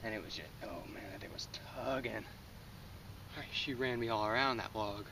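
A young fishing vlogger on a pond bank talks excitedly to a camera on a tripod some distance away, breathless and laughing often. His slightly low voice comes quickly, and the distant mic picks up plenty of outdoor noise behind him.

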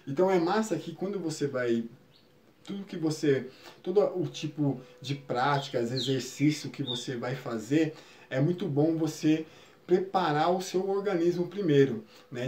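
A man giving a calm, explanatory spiritual lesson on a live stream, often ending phrases with tag questions. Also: fairly high pitch, reverberant, slight background noise. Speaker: spiritual teacher.

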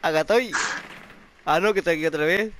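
A man with a Mexican accent, loudly commenting on his own gameplay at home, swearing and shouting at other players. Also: fairly high pitch, a little fast, a little hiss or hum. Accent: Mexican Spanish. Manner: loud, excitable, swearing. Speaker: gamer youtuber.

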